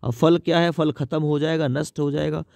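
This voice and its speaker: A man teaching an exam-prep grammar lesson, his voice sitting a bit high. He keeps asking questions and answering them himself, repeating each point. The close mic gives a dry sound with no room echo. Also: fairly even intonation, creaky, a little mellow. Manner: reads example sentences slowly.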